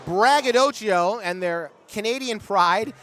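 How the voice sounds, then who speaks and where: A middle-aged man with a very high-pitched voice calls a pro wrestling match. He speaks as a play-by-play sportscaster, announcing the competitors and the action. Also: unhurried, fairly bright tone, a little hiss or hum.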